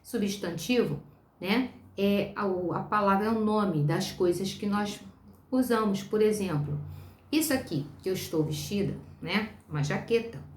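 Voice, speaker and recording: Brazilian woman teacher, patient and slow with young kids, roomy echo around her. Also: mid-range voice, slight background noise. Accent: Brazilian Portuguese. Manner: slow, patient, repeats words for young pupils. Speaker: primary school teacher. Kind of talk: online class for children.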